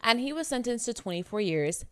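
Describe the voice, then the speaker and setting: A woman in her late twenties co-hosts a true-crime podcast, talking candidly in casual slang with some swearing. Her fairly high, smooth voice moves briskly with big pitch swings, and there's no room sound.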